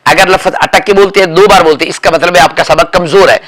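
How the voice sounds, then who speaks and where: A man's voice: high-pitched, steady tone, quick pace, fairly bright tone. Firm male teacher drilling grammar. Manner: firm, repetitive corrections, calls on students by name. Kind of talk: drilling students in a grammar lesson.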